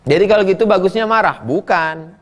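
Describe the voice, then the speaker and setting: A middle-aged man preaching, reading listeners' questions and answering them in a folksy, joking way, his voice swinging between high and low as he acts out quotes. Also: a little fast. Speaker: Islamic preacher. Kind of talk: sermon answering read-out questions.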